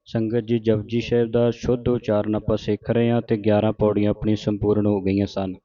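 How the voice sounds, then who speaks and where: A man teaching the correct pronunciation of scripture, chanting lines slowly and then explaining them plainly. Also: on the low side, little pitch movement, warm tone, highs cut off. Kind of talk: slow recitation lesson.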